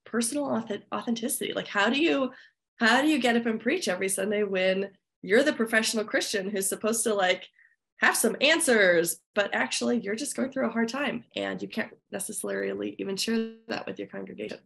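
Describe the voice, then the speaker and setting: A woman who is an author and church musician, giving thoughtful podcast interview answers that pause often with fillers and restarts. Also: on the high side, gravelly, fairly bright tone.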